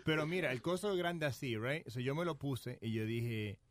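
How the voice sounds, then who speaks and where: A man in casual chat, telling a long story in a lively way and switching between Spanish and English mid-sentence. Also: mid-range voice, normal speed, over a noisy crowd.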